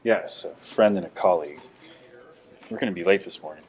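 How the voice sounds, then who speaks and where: Deep-voiced, worried friend. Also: male voice, brisk, slightly rough. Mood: puzzled, concerned. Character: puzzled, concerned man seeking his missing friend. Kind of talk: film acting.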